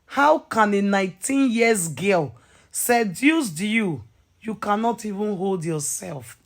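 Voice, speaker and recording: A woman doing Amaka, a slow, cold vengeful wife. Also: expressive. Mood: menacing. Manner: slow, low menacing threats.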